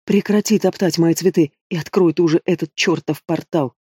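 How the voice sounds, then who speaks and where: Dude voicing a snappy young queen, sharp tongue, growly, higher pitched, dry sound. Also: fairly even intonation, fairly quick, husky, no echo. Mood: strained.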